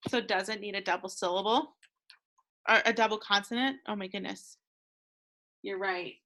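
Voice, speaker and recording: An American woman teaching a slow, clear phonics lesson to young children, patient and encouraging, pausing for answers. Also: medium pitch, steady tone, sharp tone. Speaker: second grade teacher.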